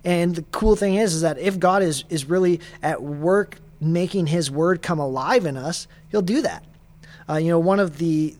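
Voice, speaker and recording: A man giving casual, earnest Bible study advice, full of fillers and restarts, who speeds up as he gets excited. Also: on the high side. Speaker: Bible teacher.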